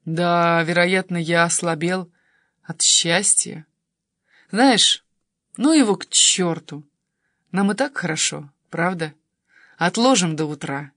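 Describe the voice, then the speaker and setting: A woman's voice: fairly low pitch, slow, pauses often, fairly bright tone, dry recording, clean studio sound. A woman voicing a devoted, anxious young man who speaks tenderly and earnestly in an audiobook. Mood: soft relieved.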